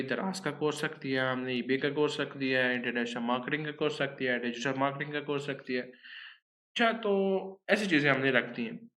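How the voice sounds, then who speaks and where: A man's voice: medium pitch, sharp tone. A man giving a casual explainer talk, conversational and often checking that listeners follow. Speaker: online scams explainer.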